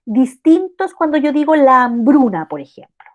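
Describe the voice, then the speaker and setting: A woman's voice: high-pitched, lively intonation, moderate pace, phone-quality sound. A woman with a Chilean accent teaching an online language class, explaining step by step and often checking in with the students. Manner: explanatory, checks in with rhetorical questions.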